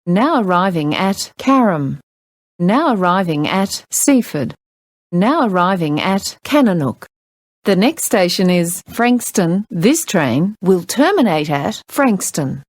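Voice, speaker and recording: Slow-paced woman making train announcements. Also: lowish voice, very animated, no echo. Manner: measured, formal public-address delivery. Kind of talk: scripted onboard train announcements.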